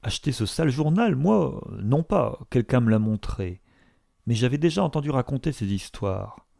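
A man voicing a fussy, easily scandalized older gentleman in an audiobook. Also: mid-range voice, animated, measured pace, vocal fry, no room sound, clean studio sound. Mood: indignant.

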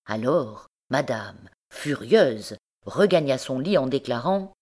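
A woman narrating a literary story in a measured, expressive way. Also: very deep voice. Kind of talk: audiobook narration.

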